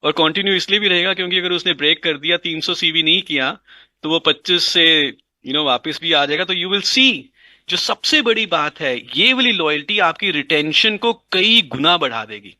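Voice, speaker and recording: A man's voice: on the high side, animated, moderate pace, bright, forceful tone, no echo. A man explaining a business plan in an interview, mixing in English and repeating phrases for emphasis. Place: indoors at a dining table.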